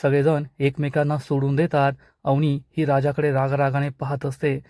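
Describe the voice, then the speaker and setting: A man narrating a plot recap of a television serial episode, retelling scenes briskly and voicing the characters' lines in a livelier tone. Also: medium pitch, completely flat delivery, a little mellow, no echo, studio quality.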